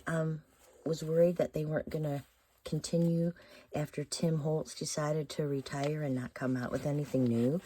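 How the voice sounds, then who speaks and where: A woman with a low voice gone hoarse and squeaky from illness, often cracking into breathy whispers. She rambles casually as a craft vlogger, thinking aloud while she works. The recording has clear background noise and clicks. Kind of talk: casual chatty craft tutorial.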